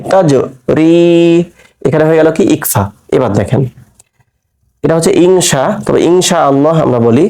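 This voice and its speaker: A man's voice: fairly high pitch, mellow. A man teaching Quran recitation rules, explaining step by step, asking and answering his own questions, and stretching out words when he recites them. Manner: drawn-out sung recitation of verse words. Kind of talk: tajweed lesson with recitation.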